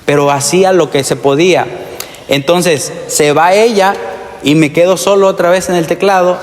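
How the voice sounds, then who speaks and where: A man's voice: high-pitched, steady tone, moderate pace. A man preaching a testimony sermon to young people, earnest and addressing them directly with calls for amen. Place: church sanctuary. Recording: long hall reverb.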